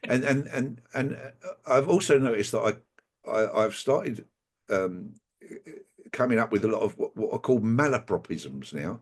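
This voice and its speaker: A man with a slightly low voice speaks in a halting, wry way and tells anecdotes. He is a guest in a relaxed interview, heard over a remote call. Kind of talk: conversational interview.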